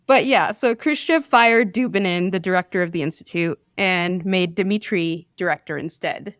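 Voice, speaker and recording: A woman's voice: fairly low pitch, normal speed, fairly bright tone, clear, resonant tone, no room sound. Chatty woman podcaster, dry close sound. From India. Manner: chatty, laughs often, self-deprecating asides. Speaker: podcast host telling a science story. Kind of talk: casual storytelling chat.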